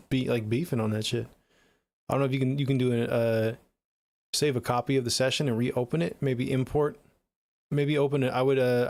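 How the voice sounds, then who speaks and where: Close to the mic in a small indoor home studio, a middle-aged American music production livestreamer talks casually and slangily, relaxed throughout. The recording is dry, and his mid-range voice comes across gravelly and somewhat dark.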